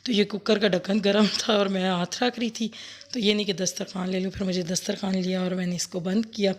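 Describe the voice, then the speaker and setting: A woman with a sore, hoarse throat giving a rambling, homely cooking demonstration for her vlog. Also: mid-range voice, fairly even intonation, a little fast. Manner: homely, rambling, self-correcting explanations. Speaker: cooking vlogger. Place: home kitchen, later outdoors under a fan.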